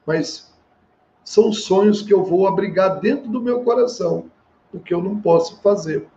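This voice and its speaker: A middle-aged man with a notably high voice speaks as a family therapist at a seminar. He talks earnestly and slips into the voices of the people in his stories. The recording sounds a little dull, with a faint hiss underneath. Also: moderate pace, mellow. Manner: earnest, acts out quoted dialogue. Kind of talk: storytelling seminar talk.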